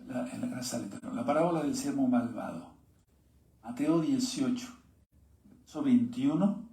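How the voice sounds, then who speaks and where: A man's voice: mid-range voice, mellow, reverberant. A man, teaching a sermon-style Bible lesson and reading scripture aloud with asides to his viewers.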